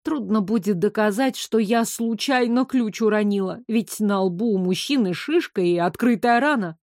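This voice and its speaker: A woman narrating a first-person novel with a lively, wry storytelling manner. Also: mid-range voice, moderate pace, dry recording, clean studio sound. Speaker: audiobook narrator.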